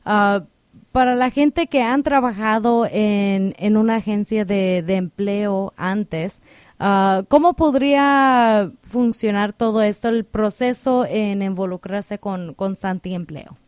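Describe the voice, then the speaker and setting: Slow-talking woman radio host. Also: medium pitch, a little mellow, clean tone, no echo. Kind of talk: radio interview.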